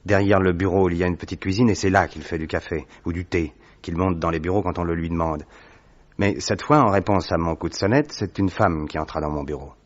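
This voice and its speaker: A man with a low-sitting voice plays a worried young male government clerk in a radio drama. He recounts events in a measured, hesitant way, and the recording sounds dull and muffled.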